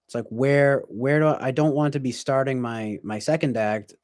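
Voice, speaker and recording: Speaking at normal speed in a medium, slightly mellow voice, a twenty-something livestream host chats casually and reads out viewer comments. The audio is clean, echo-free studio sound, and his reflective rambling is peppered with fillers and restarts.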